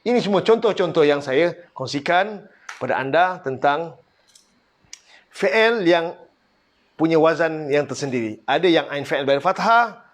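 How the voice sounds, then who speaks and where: A man's voice: on the high side, lively intonation, measured pace, long pauses. A man with a Malaysian Malay accent teaching Quranic Arabic grammar online, drilling words one by one and correcting mistakes.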